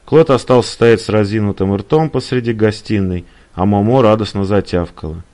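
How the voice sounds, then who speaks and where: A man's voice: fairly low pitch, moderate pace, a little mellow. A man reading a story aloud as narrator, voicing the dialogue expressively. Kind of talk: audiobook reading with character voices.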